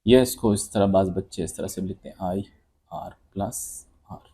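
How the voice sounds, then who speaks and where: A man's voice: deep voice, moderate pace, mellow, breathy edge. A man teaching physics, working through exam questions step by step and calling his students "beta" and "bhai". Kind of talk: exam solution walkthrough lesson.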